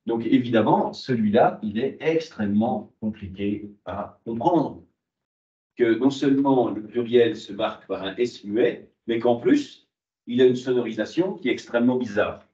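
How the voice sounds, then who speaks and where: A man with a warm, mid-range voice lectures a university class in an expressive, unhurried way, raising rhetorical questions and answering them himself. The sound is muffled and echoes through the classroom.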